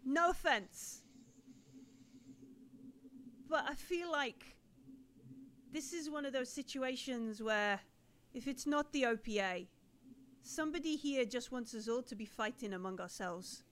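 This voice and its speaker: A woman voicing a wary, shrewd female faction representative in a tabletop game, speaking in a measured, suspicious way. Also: high-pitched, a bit bright, slight background noise. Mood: earnest.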